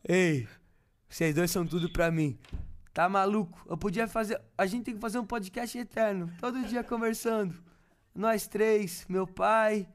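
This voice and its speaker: Tipsy podcast guest, high-voiced man, gushing and profane. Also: fairly even intonation, unhurried, a little hiss or hum. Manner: tipsy, effusive, swears a lot. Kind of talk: casual chat.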